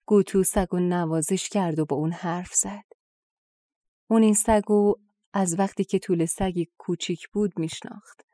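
A woman reading a folk tale aloud as an audiobook, in a steady, gentle narration. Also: lowish voice, dry recording, clean studio sound. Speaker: audiobook reader. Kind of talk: scripted storybook narration.

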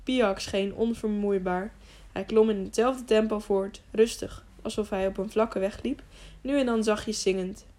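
A woman reads a storybook aloud in a calm, steady voice. Her pitch sits right in the middle of the range for women. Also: unhurried, few pauses. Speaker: audiobook narrator. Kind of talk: scripted narration.

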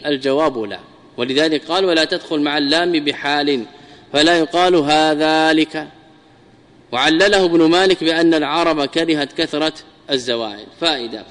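A man delivers a traditional grammar lesson in a fairly high voice. He repeats phrases and drills examples slowly. The sound rings with a long hall reverb. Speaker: teacher of Arabic grammar. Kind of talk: traditional lecture.

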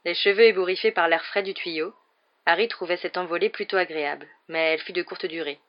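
A woman reads an audiobook aloud in a low, measured voice. Her delivery is even and steady. The recording is muffled and lo-fi. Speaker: audiobook reader. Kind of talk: audiobook narration.

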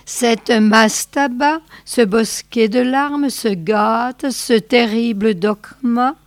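A woman's voice: a little high, extremely slow, no echo. Lady doing an old central european gent orating, all grand and pompous, dry close sound. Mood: solemn. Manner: grandiloquent, declaiming.

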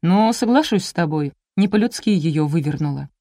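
A woman voicing a slow, literal-minded male police officer with a bass voice who asks droning, puzzled questions, in an audiobook. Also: animated, dark tone, no room sound, clean studio sound. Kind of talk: audiobook character voice.

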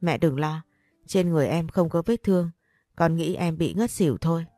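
A woman voicing a calm, reassuring daughter-in-law in a read-aloud story. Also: low voice, moderate pace, dry recording, studio quality, faint music behind, natural voice.

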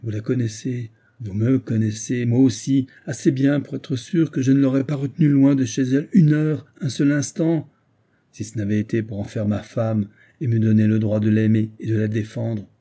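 A man's voice: mid-range voice, fairly even intonation, normal speed, dark tone, close to an everyday voice. A man reading aloud, voicing an impatient young army captain who speaks with vehement urgency. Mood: accusing.

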